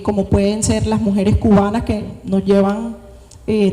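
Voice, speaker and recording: A woman on a panel speaks reflectively, pausing on fillers and circling back over her phrases. Her voice is warm and mellow at a typical pitch. It carries a long hall reverb. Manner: reflective, hesitant, with frequent "eh" fillers and repeated phrases. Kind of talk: academic panel talk.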